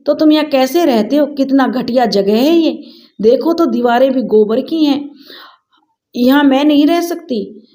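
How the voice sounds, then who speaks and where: A woman's voice: high voice, unhurried, dark tone, pitched above the performer's own voice. A woman voicing a spoiled young city wife who sneers and whines at her mother-in-law. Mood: sneering. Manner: sneering, whiny.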